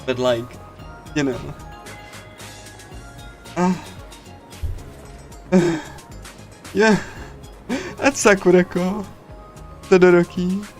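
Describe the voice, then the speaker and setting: Reading loosely through a visual novel on a livestream, a man with a slightly high voice chats casually and with animation. He's halting and giggly, like a chatty fan, while soft game soundtrack music plays in the background.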